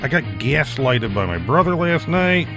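A man's voice: mid-range voice, big pitch swings, normal speed, over music. A man co-hosting a podcast from a home green-screen setup, chatting expressively over a call. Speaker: podcast co-host. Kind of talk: casual chat.

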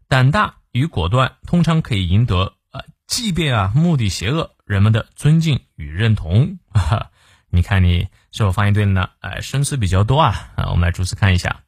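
A man hosting a daily English reading lesson, explaining words and pronunciation in a lively way, stretching filler particles and reading English lines slowly. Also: lowish voice, no echo, studio quality.

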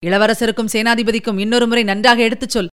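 A fiery, impatient young army commander, as a woman reader puts him on, firing off heated, urgent questions. The voice sits a little high and stays smooth and clean throughout. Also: steady tone, fast, close to an everyday voice.

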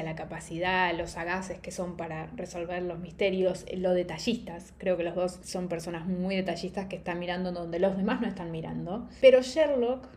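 A young woman chatting casually in a book review vlog, opinionated and quick to laugh. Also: fairly low pitch, darkish tone, a little hiss or hum.

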